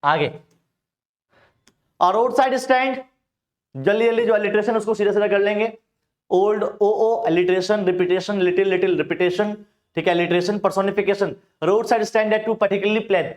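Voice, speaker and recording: High-voiced Indian man teaching. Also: normal speed. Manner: asks the class questions and answers them himself; calls students "bhaiya". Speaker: English teacher. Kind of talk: Hinglish exam-prep lecture.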